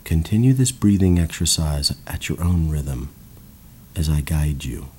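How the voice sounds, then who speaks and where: A man guiding a slow, calm breathing and body relaxation exercise in a soothing voice. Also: a bass voice, slight background noise. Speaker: meditation guide. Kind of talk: guided relaxation narration.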